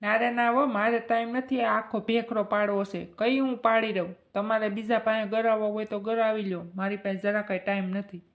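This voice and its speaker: A woman's voice: fairly high pitch, fairly even intonation, a little fast, few pauses, lightly acted. A woman voicing an impatient young male digger operator in a cartoon comedy, speaking in a brusque, self-important way with a Kathiawadi Gujarati accent.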